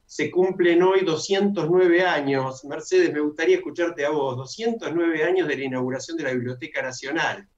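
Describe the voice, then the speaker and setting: A man hosting a radio talk show, chatty, who announces details slowly and repeats them. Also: on the high side. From Argentina. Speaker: radio host. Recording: dull lo-fi radio sound.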